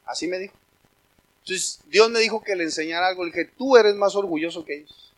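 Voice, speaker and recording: A pastor preaching a sermon, emphatic and speaking directly to the congregation as brothers. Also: male voice, high voice, fairly quick.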